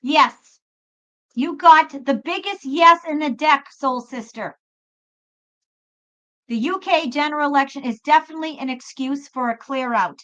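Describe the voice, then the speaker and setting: A high-voiced woman hosts a live online tarot reading, chatting casually with viewers in an emphatic way and repeating her phrases. Her tone is sharp and she speaks a little slowly. The live stream audio sounds dull and lo-fi.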